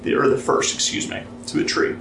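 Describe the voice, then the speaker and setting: A man narrating as game master of a tabletop game, relaxed and storytelling, reading lore aloud with fillers. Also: fairly quick, noisy background. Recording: roomy sound with music behind.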